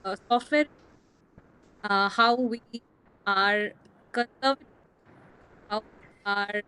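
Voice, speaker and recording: A woman's voice: medium pitch, sharp tone, clear, resonant tone, rough recording. Woman on a choppy conference call. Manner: hesitant, halting, with many fillers. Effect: remote conference call audio that keeps cutting out. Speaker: panelist. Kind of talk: panel discussion answer.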